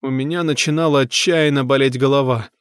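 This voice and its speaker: A man's voice: medium pitch, steady tone, a little fast, clean tone, no room sound, studio quality. A man narrating a novel in a tense, grave manner. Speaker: audiobook narrator. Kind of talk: scripted narration of a horror novel.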